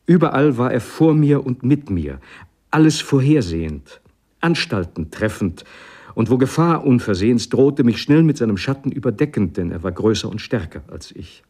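A man giving an expressive, dramatic first-person reading of a literary tale. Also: medium pitch, moderate pace. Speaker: reader.

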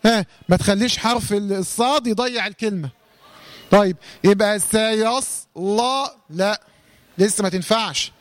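A man with an Egyptian accent teaching Quran recitation rules, quizzing students, correcting them and reciting verse fragments slowly. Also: high-pitched. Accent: Egyptian Arabic. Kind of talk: tajweed lesson, call-and-response drilling.

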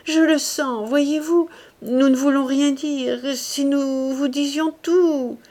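A woman's voice: fairly high pitch, measured pace, a little mellow. A woman reading the lines of an anxious, tearful former hotel keeper in an audiobook, in a pleading, distressed voice.

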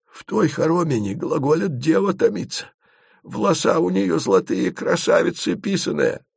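A man's voice: fairly high pitch, very animated, normal speed, vocal fry, breathy edge, no room sound, pitched above the performer's own voice, full character voice. A man voicing a timid guide who speaks in old-fashioned folk phrases, in a dry recording. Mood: earnest.

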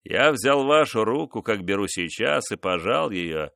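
A man voicing a cruel, vengeful nobleman who mocks his wife in a slow, menacing way. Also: fairly low pitch, lively intonation, vocal fry, pushed and bright, no room sound, studio quality, exaggerated voice. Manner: mocking, menacing, measured.

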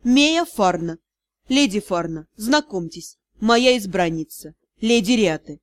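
Woman reader doing a male aristocrat: low, icy, unhurried courtesy, storybook. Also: animated, no room sound. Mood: icy polite. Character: cold, commanding aristocratic lord, a male academy director. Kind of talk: audiobook character voice.

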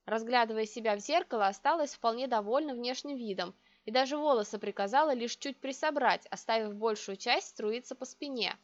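A woman narrating a first-person audiobook in a measured, reflective way, recorded a little dull. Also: on the high side.

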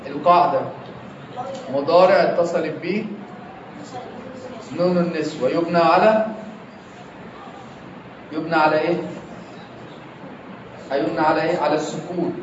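A man's voice: fairly high pitch, steady tone, moderate pace, pauses often, noisy background. A man with an Egyptian accent teaching grammar in a classroom, quizzing his students again and again. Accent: Egyptian Arabic. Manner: quizzing students with repeated questions. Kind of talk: classroom lesson. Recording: echoey classroom, distant, dull lo-fi.

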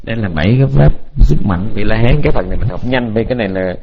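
A man giving a Buddhist dharma talk to an online group, rambling and repeating words as he searches, then slowly dictating points for notes. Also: lowish voice, expressive, gravelly, muffled recording, a little hiss or hum. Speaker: Buddhist teacher.

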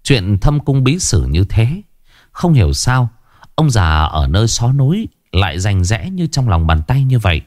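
A man narrating a historical folk tale in a steady, expressive storytelling voice. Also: on the low side, unhurried.

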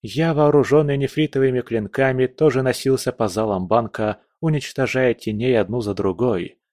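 A man reading a first-person fantasy audiobook, pushing up his pitch and volume for the shouted dialogue. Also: normal speed, dry recording, clean studio sound. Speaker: audiobook narrator.

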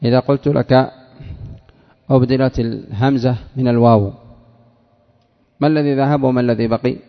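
A man's voice: mid-range voice, steady tone, moderate pace, gravelly. A man teaching Arabic grammar to a class, repeating examples and quizzing students by name. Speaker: sheikh teaching Arabic morphology. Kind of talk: classroom lesson with questions to students. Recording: dull lo-fi recording in a reverberant hall.

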